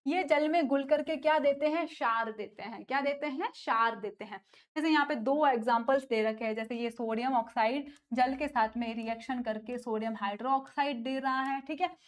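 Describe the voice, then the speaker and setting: A woman teaching school science in a lively lecture, often asking a question and then answering it herself, with playful asides. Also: high-pitched, normal speed. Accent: North Indian Hindi. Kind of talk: classroom lecture with call-and-response questions.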